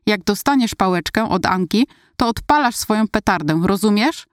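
A woman's voice: medium pitch, animated, moderate pace, dry recording, clean studio sound, close to an everyday voice. A woman voicing a pushy middle-aged male school track coach who gives urgent, rallying commands.

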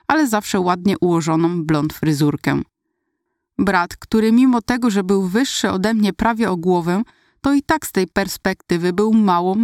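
A woman reads a first-person story aloud in an expressive, lively way. Her voice sits at an everyday middle pitch. The recording is dry and close, with no room echo. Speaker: audiobook reader.

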